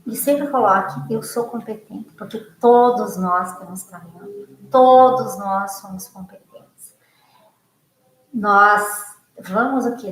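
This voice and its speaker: A woman's voice: medium pitch, reverberant, a little hiss or hum, poor audio. A Brazilian woman psychologist in casual talk, answering her students' questions, often tagging "né?" onto her sentences. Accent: Brazilian Portuguese. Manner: warm, conversational, many "né?" tag questions. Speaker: psychologist and teacher.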